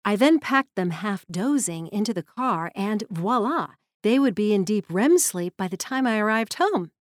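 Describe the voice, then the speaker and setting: A woman's voice: medium pitch, animated, moderate pace, no echo, studio quality. A woman reading her own memoir aloud in an earnest, reflective manner. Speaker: memoir narrator. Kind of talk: audiobook memoir narration.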